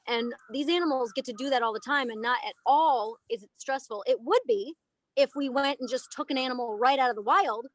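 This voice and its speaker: A woman in her thirties from the United States, an elephant trainer and aerialist, guests on a podcast interview, telling stories casually with animated emphasis. Her voice is a little high, and the recording is dry and rough.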